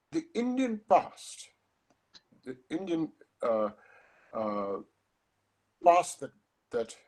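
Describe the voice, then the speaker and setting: Older man, professor, academic lecture, husky, lively intonation, thoughtful restarts. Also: a little high. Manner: thoughtful, with restarts and emphatic stresses. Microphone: video call.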